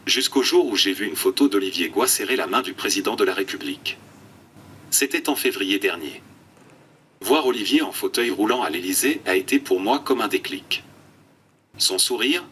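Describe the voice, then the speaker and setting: A man's synthetic text-to-speech voice giving prepared interview answers in an even, robotic, scripted way. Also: on the low side, moderate pace, distant mic, slight background noise. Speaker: interview guest.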